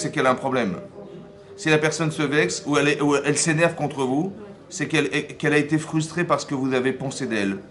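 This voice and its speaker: Lively rabbi, a man teaching. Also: fairly high pitch. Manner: lively, keeps asking the audience if they follow; acts out dialogue in first person. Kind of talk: Torah class lecture.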